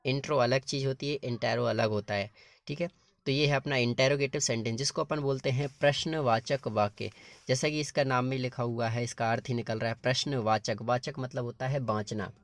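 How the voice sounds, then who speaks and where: A man's voice: mid-range voice, steady tone, fairly quick, dry recording. Dry-sounding man teaching step by step. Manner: patient, step-by-step explaining in Hindi. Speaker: English teacher. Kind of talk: explaining grammar at a board.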